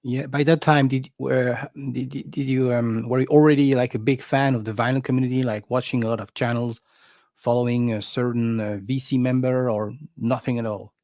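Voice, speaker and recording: Man host, halting questions, dry sound. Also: medium pitch, flat delivery, a little mellow, dry recording. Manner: halting, repeats words when asking. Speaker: livestream host. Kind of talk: casual interviewing chat.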